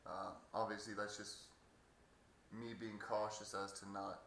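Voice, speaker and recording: A man giving a halting, hesitant casual video update with a sore throat two days after surgery. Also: lowish voice, flat delivery, a bit bright. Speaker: patient vlogger. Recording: echoey room, faint background noise.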